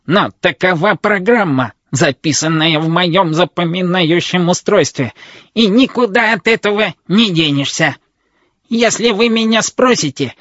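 A man voicing a fussy, grumbling male wedding robot with a creaky, metallic voice. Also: high-pitched, fairly bright tone, dry recording, muffled recording, pitched above the performer's own voice. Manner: fussy, complaining, officious.

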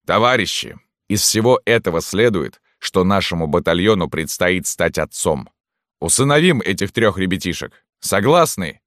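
A man voicing a gruff, soft-hearted army sergeant who grumbles and speaks bluntly. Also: very deep voice, lively intonation, normal speed, no room sound, clean studio sound. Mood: rallying.

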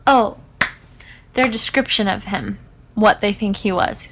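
A woman co-hosting a podcast, chatting casually about a book with quick asides. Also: mid-range voice, noisy background. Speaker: podcast co-host.

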